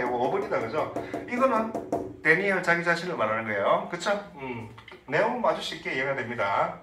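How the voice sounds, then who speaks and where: High, lively Korean English teacher. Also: male voice, roomy sound, distant mic, rough recording. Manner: explains in Korean, reads English lines slowly. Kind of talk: online lecture.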